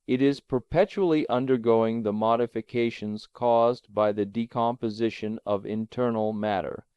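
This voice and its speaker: A man reading a classic adventure novel aloud in a measured, dramatic narration. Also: medium pitch, darkish tone, clean tone, no echo. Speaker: audiobook narrator. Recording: dull, lo-fi, dry.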